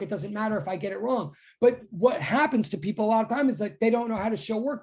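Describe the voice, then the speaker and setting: A woman's voice: mid-range voice, mellow. A middle-aged woman lecturing as a physics teacher in an online class, intense and insistent, often interrupting herself as she explains. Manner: conversational, self-interrupting explaining.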